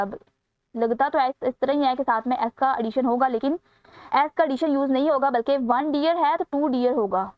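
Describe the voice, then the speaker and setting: A woman gives a grammar lesson for exam students. Her voice sits high, and she explains each answer patiently, step by step. The recording is dry and a little muffled. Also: dry recording. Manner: explains step by step, repeats key phrases. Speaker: teacher. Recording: dry, slightly dull sound.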